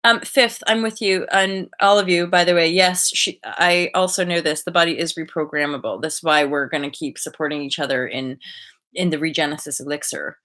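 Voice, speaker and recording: A woman in her thirties hosting a casual live chat from a bedroom, chatty and animated, full of likes and restarts, heard through a webcam mic. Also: sits low, moderate pace. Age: 30s. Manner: animated, gestures a lot, laughs often. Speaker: livestream host. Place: bedroom indoors. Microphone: webcam at desk distance.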